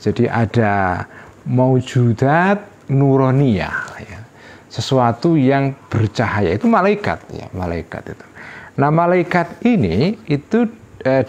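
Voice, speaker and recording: A middle-aged man teaching a classical religious text in a relaxed study-circle lecture, thinking aloud with rhetorical questions and short tag words, and lifting his voice sharply when he quotes an exclamation. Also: mid-range voice.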